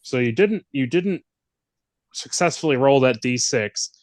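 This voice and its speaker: A man narrating as game master of a tabletop role-playing game, relaxed and quick to laugh. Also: mid-range voice, no room sound.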